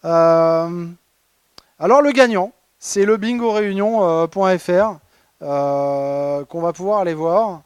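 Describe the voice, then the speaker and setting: A man's voice: high-pitched, takes it slowly, clear, resonant tone, no room sound. A man presenting a humorous award talk at a conference, ironic and chatty with many fillers and restarts. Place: conference hall.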